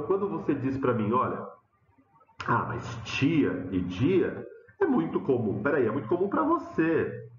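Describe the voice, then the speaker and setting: Animated male teacher, roomy dull sound. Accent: São Paulo Portuguese. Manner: animated, acts out students' questions with rising pitch. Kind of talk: lecture to students.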